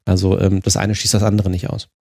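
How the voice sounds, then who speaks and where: A man with a low, gravelly voice explains ideas in a relaxed co-host chat. His tone is dark and mellow, full of hesitations and restarts. The sound is dry and close. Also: a little fast, no echo. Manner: thoughtful, explanatory, many fillers and restarts. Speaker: co-host answering chat questions. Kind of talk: casual podcast discussion.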